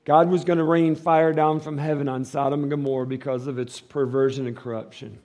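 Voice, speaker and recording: A man preaching a sermon as a pastor, warning of doomsday judgment in an emphatic manner that swings between quiet and loud. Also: on the high side, level tone, a little fast.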